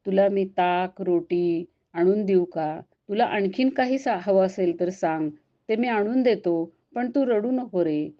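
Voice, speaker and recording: A woman voicing a young divine cowherd boy who gently coaxes and soothes. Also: medium pitch, a little slow, muffled recording, lightly acted. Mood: coaxing. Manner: coaxing, soothing.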